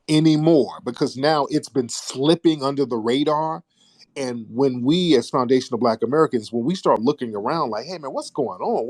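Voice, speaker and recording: Man hosting a call-in show, forceful and preachy, middle pitch, dry sound. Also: no echo. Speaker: host. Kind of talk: call-in debate talk.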